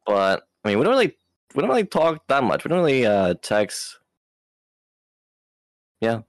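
An eighteen-year-old man answering questions as a guest, hesitant and unsure, filling pauses with "like" and "I don't know". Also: mid-range voice, sing-song, dry recording, clean studio sound. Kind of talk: casual chat.

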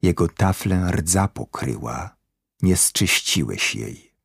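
A man reciting mystical poetry in a solemn, expressive way. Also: sits low, takes it slowly, creaky, husky, dry recording, clean studio sound.

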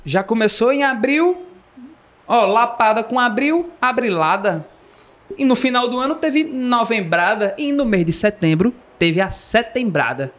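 A man from Pernambuco with a Pernambuco accent, telling a comic story in the first person with playful, animated delivery. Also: very high-pitched, unhurried. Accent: Pernambuco Brazilian Portuguese. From Pernambuco, Brazil. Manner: playful, animated, jokey delivery with acted sound effects. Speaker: storyteller guest.

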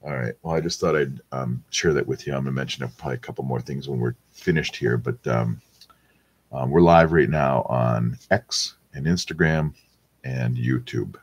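A man hosting a weekly live rosary podcast from his home, talking in a soft, hesitant, casual way with many pauses and ums. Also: rumbling low, husky. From Wisconsin, USA. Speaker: podcast host leading the rosary. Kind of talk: casual prayer-show chat.

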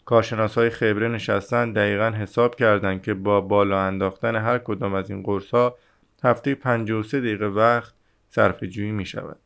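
A man reading the part of a self-assured pill salesman in an audiobook, with a sales pitch manner. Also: fairly even intonation, vocal fry, fairly bright tone, clean tone. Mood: smug.

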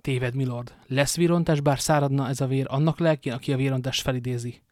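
A man's voice: medium pitch, steady tone, darkish tone, no room sound, studio quality, close to an everyday voice. A man voicing Milady, a pleading scheming lady. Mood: defiant. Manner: pleading, theatrical. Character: scheming noble lady, desperate and seductive.

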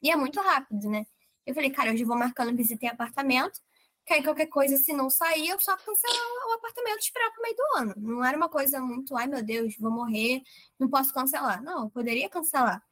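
A young woman from Brazil talks through her story in a casual interview, her high voice bright and lively. She keeps acting out what she and the people around her said. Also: quick pace. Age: young adult. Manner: animated, quotes herself and others in lively voices. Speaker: approved medical student guest.

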